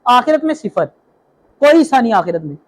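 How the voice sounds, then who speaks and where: A man's voice: extremely high pitch, big pitch swings. A young man preaching a religious talk, telling stories and asking rhetorical questions. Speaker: Islamic preacher.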